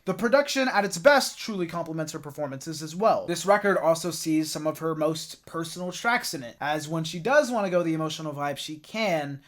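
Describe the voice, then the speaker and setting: Casual, joking American man reviewing music. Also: a little high. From United States. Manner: loose and jokey, swears freely, trips over words. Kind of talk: casual album-ranking commentary.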